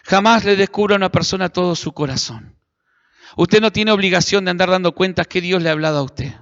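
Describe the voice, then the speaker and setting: Fervent Argentine pastor, high bright voice. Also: male voice, fairly quick. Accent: Argentine Spanish. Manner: fervent preaching, calls on the congregation to respond. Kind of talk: sermon. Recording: echoey hall, dull lo-fi sound.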